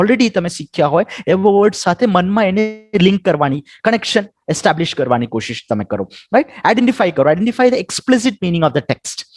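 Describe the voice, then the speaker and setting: High, lively Indian-accented man lecturing. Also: no room sound, studio quality. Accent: Indian English. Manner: ends nearly every point with a coaxing "right?". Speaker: English skills trainer. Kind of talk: webinar lecture mixing Gujarati and English.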